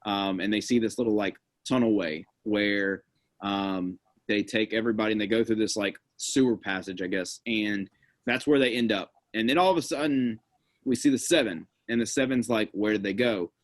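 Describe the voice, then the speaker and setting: A man's voice: lowish voice, moderate pace, no room sound. A man co-hosting a casual recap chat, retelling scenes with lots of "like" and acting out quotes. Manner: animated retelling, acts out quotes, many "like"s. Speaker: podcast co-host.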